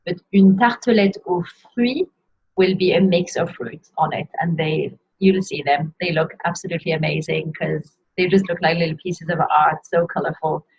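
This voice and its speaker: A woman teaching French pronunciation in a video lesson, slowly modelling each word for learners to repeat. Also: fairly low pitch, vocal fry, slightly rough. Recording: dull lo-fi sound.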